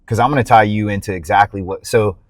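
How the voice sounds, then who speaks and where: A man hosting a podcast in a laid-back, chatty way, nodding along with quick affirmations and laughing with his guest. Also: lowish voice, steady tone, dry recording, clean studio sound. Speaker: podcast host. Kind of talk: casual podcast conversation.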